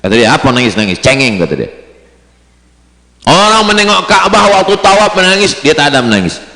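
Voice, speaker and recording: A man preaches, his voice fairly high, bright and forceful. He climbs into chanted Arabic phrases and sinks to low, quiet asides. The sound rings in a big echoey hall with a long tail. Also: sing-song, brisk. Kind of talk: sermon to pilgrims.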